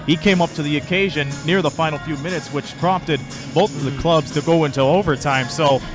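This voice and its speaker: A man's voice: a little high, a little fast, low-quality recording. A man giving colour commentary on a sports broadcast in a discursive, opinionated way. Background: arena music.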